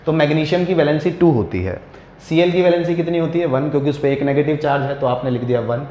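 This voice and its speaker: A man's voice: a little high, fast, mellow. A man teaching a chemistry lesson, asking questions and answering them himself. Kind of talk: classroom-style chemistry lesson. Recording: dull roomy recording with faint hum.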